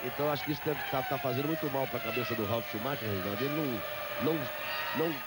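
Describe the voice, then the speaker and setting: A man's voice: medium pitch, fast. A man with a Brazilian accent doing live motor race commentary as lead commentator, calling the action and repeating key phrases. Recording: loud engine and trackside noise. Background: race car engines, outdoor vehicle noise.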